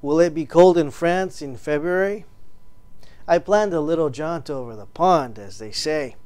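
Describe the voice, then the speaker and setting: A man's voice: a little high, unhurried, a little mellow, smooth, natural voice. An actor playing an arrogant self-made rich man who is cold and brooding.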